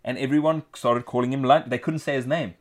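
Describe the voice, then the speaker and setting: A man's voice: mid-range voice, steady tone, brisk. A man from South Africa co-hosting an indie film podcast, telling stories in a rambling, casual way. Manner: rambling storyteller. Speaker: podcast co-host. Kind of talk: casual chat.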